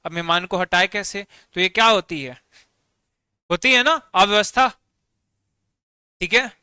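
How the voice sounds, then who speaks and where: Guy teaching english words online, high bright voice, super dry close sound, keeps saying theek hai. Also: smooth, no room sound. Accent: Bihari Hindi. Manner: explains with everyday examples, repeats "ठीक है" often. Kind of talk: online vocabulary lesson.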